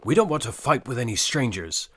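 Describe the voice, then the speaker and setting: Man playing husky-voiced superhero leader, animated. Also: medium pitch, fairly quick. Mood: stern. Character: authoritative adult male superhero team leader. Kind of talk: amateur comic-book dub.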